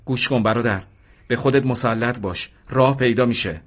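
A man's voice: medium pitch, lightly acted. A man voicing an anxious, commanding male senior officer who speaks over the radio, insistent and raised. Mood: reassuring. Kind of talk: radio drama reading.

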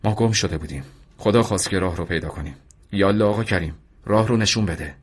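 An earnest, devout battalion commander, as a man reads him out in a radio drama reading, speaking in a fairly low, steady voice. He talks plainly and gets fervent when he pleads. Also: breathy edge. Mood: calm.

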